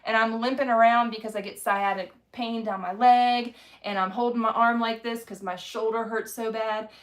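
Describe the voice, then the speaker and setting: A woman in her thirties talks to her viewers in a relaxed home vlog. She is candid and rambling, often laughing at herself. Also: on the high side, moderate pace. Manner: candid, rambling, self-deprecating, acts out quoted lines. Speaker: vlogger, mother of five. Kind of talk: casual chatty vlog. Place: home kitchen.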